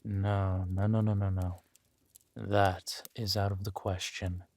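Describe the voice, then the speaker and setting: A man's low, slightly mellow voice carries a flat, commanding delivery with no echo as he plays a threatening, possessive warlord villain and protective lover in a scripted audio drama roleplay. He measures his words, sometimes sinking to breathy murmurs, and sounds stern and protective.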